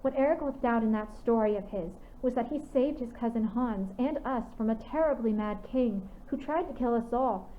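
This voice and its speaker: A woman's voice: on the high side, normal speed, few pauses, slight background noise, natural voice. Brief: brave young wolf-girl, spirited and earnest, voiced by a woman reader, tinny lo-fi audio. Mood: serious. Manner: joyful shouting, earnest when serious.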